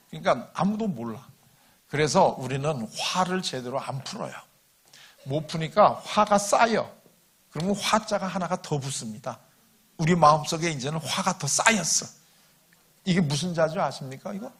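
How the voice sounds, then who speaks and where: An older man gives a relaxed, chatty talk at a church gathering, stopping now and then to quiz the listeners. His voice sits somewhat high for a man and has a slightly husky edge. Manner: questions the audience and chuckles along. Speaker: guest lecturer at a church meeting. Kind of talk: conversational church lecture.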